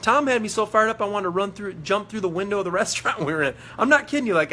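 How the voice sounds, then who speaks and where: A man's voice: high-pitched, a bit bright, slight background noise. A man giving a fired-up motivational talk on a live video stream, preachy and repetitive as he urges his team on. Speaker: network marketing leader.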